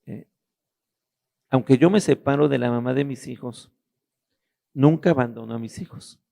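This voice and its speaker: A middle-aged man giving a personal testimony, halting and restarting as he searches for words. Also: medium pitch, vocal fry, mellow.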